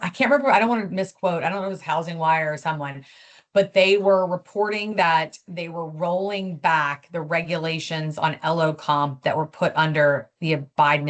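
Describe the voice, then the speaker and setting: A woman with a very low voice gives a policy update over a video call. She talks in a loose, conversational way, with frequent fillers and restarts. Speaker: policy speaker. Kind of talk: webinar update.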